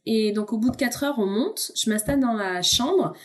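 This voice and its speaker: A woman with a fairly high voice shares a personal story as a podcast guest. She is candid and chatty, and she speaks to the host as a friend. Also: animated, normal speed. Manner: candid and conversational, addresses the host informally. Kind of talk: personal storytelling in a casual chat.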